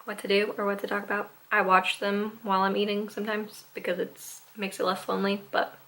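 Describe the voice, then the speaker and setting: A woman's voice: mid-range voice, flat delivery, a little fast, sharp tone, rough recording. A young woman vlogging at home in a casual eating-show chat, hesitant and rambling with lots of ums and likes. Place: home room with a Christmas tree.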